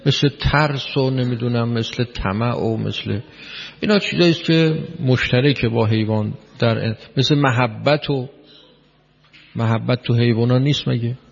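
A man's voice: medium pitch, gravelly. A man giving a spoken lecture, explaining step by step, repeating key words and putting questions to his listeners. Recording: long hall reverb, dull lo-fi sound.

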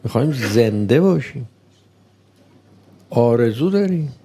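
Medium-pitched, husky and dark in tone, a man preaches a sermon with lively intonation, though his pace is slow and deliberate. He asks rhetorical questions and acts out what an imagined opponent might say.

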